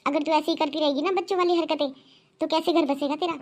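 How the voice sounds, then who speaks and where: A woman's voice: high voice, fairly even intonation, fast talker, close to an everyday voice. A woman voicing a firm middle-aged mother in a cartoon, lecturing her daughter at length. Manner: lecturing, scolding. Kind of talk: cartoon voice acting.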